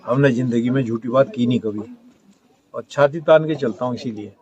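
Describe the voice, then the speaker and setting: A man's voice: medium pitch, moderate pace. A middle-aged man, a politician, speaking earnestly and repetitively to villagers in an outdoor campaign speech, self-assured in tone. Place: village courtyard in rain. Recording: dull lo-fi outdoor recording with crowd.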